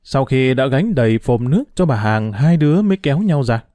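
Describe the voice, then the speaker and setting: A man narrating a story as an audiobook reader, in a measured, even delivery. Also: mid-range voice, no room sound, studio quality.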